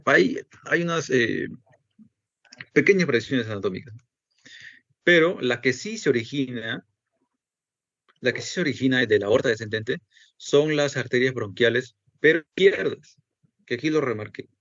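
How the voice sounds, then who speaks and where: A man's voice: mid-range voice, vocal fry, fairly bright tone, no room sound. Man teaching anatomy, dull dry recording. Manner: explains step by step, voices students' questions himself.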